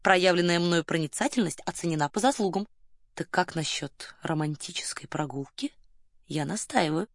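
A woman voicing a pompous, boastful male colonel who flirts in a low, smug murmur, in an audiobook. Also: lively intonation, normal speed, dry recording, studio quality, natural voice. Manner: smug, lowers voice to a suggestive murmur.

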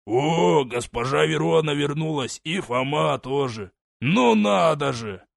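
A man voicing a loud, jovial old guard who hollers his words in an audiobook. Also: fairly high pitch, expressive, slow pace, gravelly, no room sound, studio quality, full character voice.

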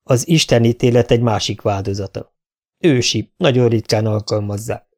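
Egy férfi, aki egy nyugodt, komoly trónörököst szólaltat meg, megfontoltan érvelve. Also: male voice, mid-range voice, a little mellow, lightly acted. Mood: grave. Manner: measured, reasoning. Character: calm, grave royal prince, heir.

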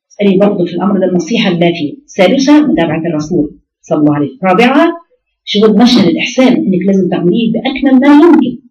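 Speaking in a mid-range, slightly mellow voice, a woman with an Egyptian accent teaches women a religious lesson. She poses rhetorical questions and numbers her points, heard through a roomy, distant, dull lo-fi recording.

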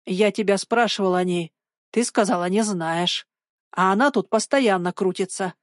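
A woman's voice: medium pitch, moderate pace, no echo, studio quality, natural voice. Woman reading as a frightened young boy. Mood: agitated. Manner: tense, muttering.

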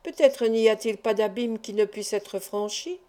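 A woman reading a calm, confident older doctor. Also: medium pitch, moderate pace, lightly acted. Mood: reassuring. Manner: composed, reassuring. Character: calm, self-assured older male doctor.

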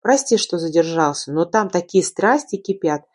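A woman's voice: on the low side, lively intonation, moderate pace, slightly rough. A woman reading a loving young husband. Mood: tender. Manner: tender, gentle. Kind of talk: audiobook reading of a romance novel.

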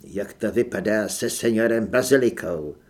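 A man voicing a tired, exasperated male opera manager who speaks low and dry. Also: close to an everyday voice. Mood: weary.

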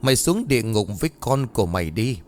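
A man's voice: medium pitch, big pitch swings, fast talker, lightly acted. A man voicing a possessed youth with a cruel demon inside. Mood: menacing. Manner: snarling, mocking, cruel. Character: young man possessed by a vicious century-old female demon.

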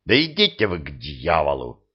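A huffy officer who grumbles through sarcastic remarks, read by a man. The voice is low, and the recording sounds dull and lo-fi. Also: expressive, slow pace. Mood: grumbling.

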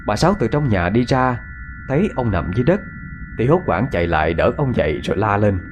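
A man narrating a ghost story in a measured storytelling cadence. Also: medium pitch, big pitch swings, lo-fi sound, noisy background. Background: faint background music.

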